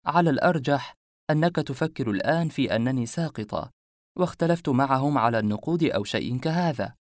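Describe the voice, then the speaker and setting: A man's voice: mid-range voice, animated, fairly quick, no echo, studio quality, pitched above the performer's own voice, lightly acted. A man voicing a teasing, playful young woman. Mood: chatty. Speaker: life coach character. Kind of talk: audiobook character reading.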